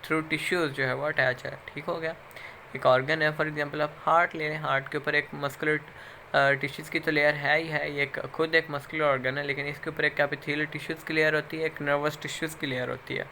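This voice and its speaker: Pakistani man lecturing with a bright voice. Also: fairly high pitch, flat delivery, a little hiss or hum. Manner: explains step by step, many fillers, checks in with "okay" often. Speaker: instructor. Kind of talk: recorded lecture.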